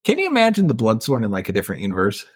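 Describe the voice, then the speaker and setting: A man's voice: fairly low pitch, wildly swooping pitch, rapid-fire, husky. A man co-hosting a book podcast, casually retelling scenes, reading quotes aloud and laughing often.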